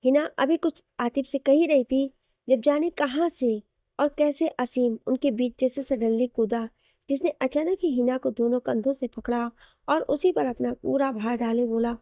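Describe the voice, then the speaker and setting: A woman's voice: high-pitched, normal speed, dry recording, clean studio sound. A woman narrating a scripted audio love story, voicing each character. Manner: expressive, voices each character.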